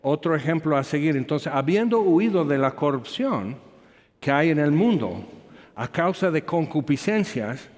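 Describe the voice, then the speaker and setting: A man with a somewhat high voice delivers a sermon, mixing a personal story with asides and quick questions to the listeners. His voice carries a long reverb from a large hall. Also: animated, a little mellow. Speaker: preacher.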